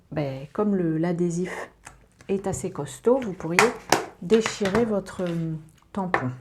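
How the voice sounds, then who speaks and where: A woman's voice: mid-range voice, heavy background noise. A woman giving a hands-on papercraft tutorial, chatting step by step with little asides as she works at her table. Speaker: papercraft demonstrator. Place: indoors at a craft table.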